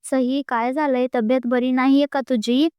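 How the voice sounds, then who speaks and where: A woman voicing a calm middle-aged father who speaks with concern and reassurance. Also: high voice, normal speed, smooth, no echo, natural voice.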